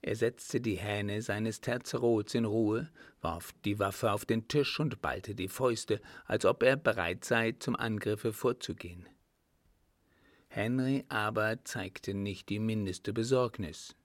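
A man narrating a classic novel as an audiobook reader, measured and even. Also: lowish voice, no echo.

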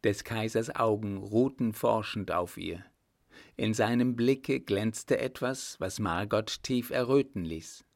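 A man reading a classic novel aloud as an audiobook narrator, measured and even. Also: lowish voice, gravelly, no echo, studio quality. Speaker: audiobook reader.

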